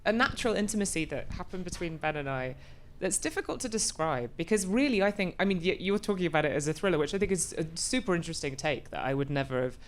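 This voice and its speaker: A woman's voice: fairly low pitch, expressive, fast talker, few pauses, slight background noise. A woman in her forties being interviewed about her acting work, thoughtful and often restarting as she searches for words. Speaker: actor, interview guest. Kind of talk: conversational interview.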